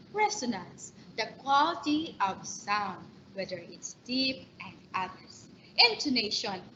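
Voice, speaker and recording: A woman's voice: fairly high pitch, sharp tone, highs cut off, a little hiss or hum. A woman with a Filipino accent giving a training lecture to teachers, speaking in an emphatic way and addressing them directly. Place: online training session.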